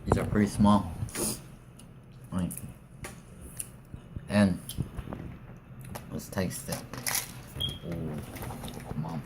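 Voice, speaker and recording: A man's voice: deep voice, fairly even intonation, drawn-out words, pauses often, heavy background noise. A man hosting a casual snack taste test, chatty and jokey, recorded at home. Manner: chatty, offhand, jokey commentary. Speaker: vlog host.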